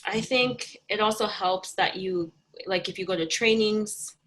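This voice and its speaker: A woman's voice: medium pitch, unhurried, fairly bright tone, low-quality recording. A young woman answering interview questions about her job in a chatty, friendly way with lots of "um"s. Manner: chatty, friendly, many fillers. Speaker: guest, community health educator.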